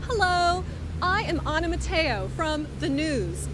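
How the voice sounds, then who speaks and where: A woman playing a cheerful news reporter who interviews tourists outdoors, speaking clearly and slowly for an English lesson. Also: very high-pitched, very animated, noisy background, heavily acted. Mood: upbeat. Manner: clear, upbeat, slow teaching delivery. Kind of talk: scripted English lesson dialogue. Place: outdoors in a city. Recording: music bed under the voice.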